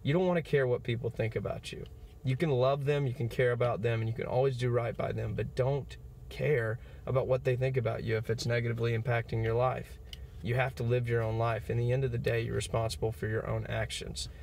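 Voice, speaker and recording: A man's voice: mid-range voice, steady tone, brisk, creaky, a little mellow, slight background noise. A man in his twenties giving an earnest, encouraging motivational talk to camera, with fillers like "you know". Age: 20s. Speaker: motivational vlogger.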